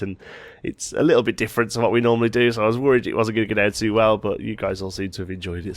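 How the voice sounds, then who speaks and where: Talking through a let's play while he builds, a man with a bit of a head cold frequently stops to correct himself mid-sentence. His pitch is medium and the recording dry.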